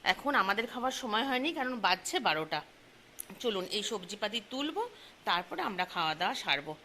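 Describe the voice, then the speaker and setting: A woman's voice: medium pitch, big pitch swings, normal speed, bright, forceful tone, a little hiss or hum. A middle-aged woman hosting a casual home vlog from her kitchen, chatty and keeps asking viewers questions as if they were friends. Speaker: vlogger host. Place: home kitchen and dining room.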